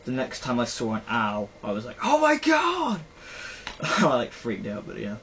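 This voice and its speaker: A young British vlogger rambles casually about films, his fairly low, gravelly voice a touch bright, with fairly even intonation and normal speed, and plenty of fillers. The recording is poor in quality, with faint noise in the background.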